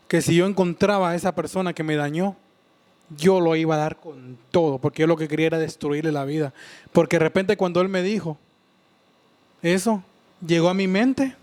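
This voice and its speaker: A man giving an earnest, halting personal faith testimony, often restarting and repeating himself. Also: fairly high pitch, darkish tone. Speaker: church member giving testimony.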